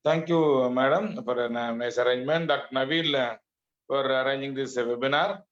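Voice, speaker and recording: Halting male doctor, South Indian accent. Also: mid-range voice, dull audio. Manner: halting, repetitive, polite. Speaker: doctor giving a medical lecture. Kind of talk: webinar lecture and question answering.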